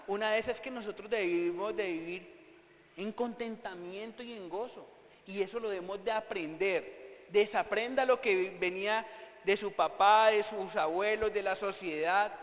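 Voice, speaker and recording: In this sermon, a pastor with a high-pitched voice keeps raising rhetorical questions to his congregation and then answering them. The sound is thin and phone-like, with a long reverb on his voice.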